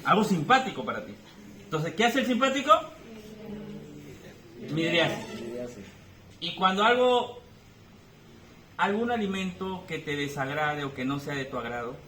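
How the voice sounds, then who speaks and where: A man with a Peruvian Spanish accent giving an animated physiology lecture, playfully teasing his students with questions. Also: on the high side, unhurried, pauses often, a little hiss or hum. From Peru. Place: lecture room. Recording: echoey room, voice from a distance.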